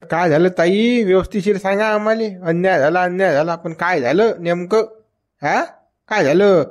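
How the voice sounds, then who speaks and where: A man's voice: high voice, normal speed, natural voice. A man playing a village police inspector who gives orders and questions a complainant. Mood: reassuring. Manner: commanding, questioning, mixing English words. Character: village police inspector, self-important but helpful. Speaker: police officer. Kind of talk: comedy skit acting.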